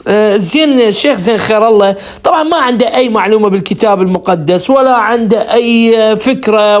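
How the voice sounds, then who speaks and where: A man speaks at a rapid clip as a caller in a religious debate. He is insistent and keeps pressing for room to explain his side. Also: very high-pitched. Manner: insistent, pleading for a chance to answer.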